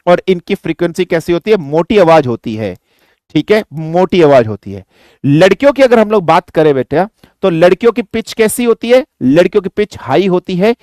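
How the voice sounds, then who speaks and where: Man, high voice, physics teacher, mix, question-and-answer lecture, dry close sound. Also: big pitch swings, moderate pace, darkish tone, no echo. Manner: addresses students as beta, asks and answers own questions. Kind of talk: classroom lecture.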